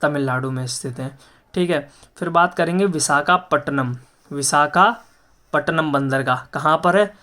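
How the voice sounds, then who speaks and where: A man's voice: on the high side, measured pace, sharp tone. A man teaching an exam-prep geography lesson, who asks each question and answers it himself, repeating facts with frequent hesitations.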